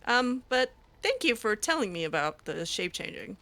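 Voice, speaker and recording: With a sharp, sing-song voice at mid-range pitch and normal speed, a woman plays a young female mage full of curiosity. The roleplay is casual and in character, and her chatty speech keeps stumbling into ums and restarts.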